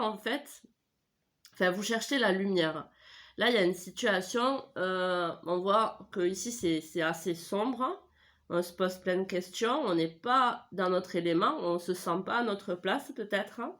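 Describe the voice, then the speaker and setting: A middle-aged woman with a stuffy head cold gives a casual tarot reading at home, speaking into a desk microphone. Her voice is medium-pitched and a bit bright, and she rambles with plenty of hesitations and self-corrections.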